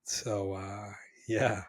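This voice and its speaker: A man co-hosting a casual podcast, a bit hoarse, talking with energy and calling his co-host brother. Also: fairly low pitch.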